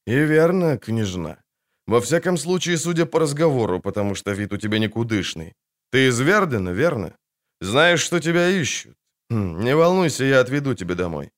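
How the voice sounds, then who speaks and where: A man reading an audiobook voices a gruff, impatient and sarcastic male monster hunter, close to his own voice. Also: medium pitch, very animated, normal speed, close to an everyday voice.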